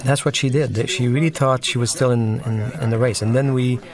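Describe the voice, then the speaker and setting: Over the film's music and dialogue, plus crowd noise, a man gives relaxed, thoughtful commentary on a movie he made, explaining and rewording as he goes. His mid-range voice is steady and brisk.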